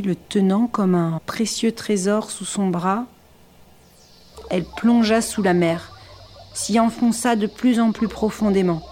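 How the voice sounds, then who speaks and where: Slow, hushed woman telling a folk tale. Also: mid-range voice. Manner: soft, hushed, dreamy storytelling. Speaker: storyteller. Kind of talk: scripted narration of a folk tale. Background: background music.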